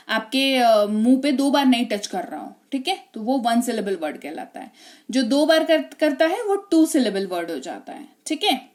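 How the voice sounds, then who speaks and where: A high-pitched woman explains English spelling and reading rules step by step. She talks in a chatty, friendly-teacher way and keeps asking her listeners whether they follow. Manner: chatty, keeps checking with "ठीक है?" and "है ना?".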